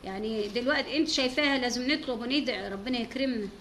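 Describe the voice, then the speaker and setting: A woman's voice: on the high side, very fast, a bit bright, slight background noise. An Egyptian woman giving an informal religious talk as a teacher, devout and full of pious exclamations.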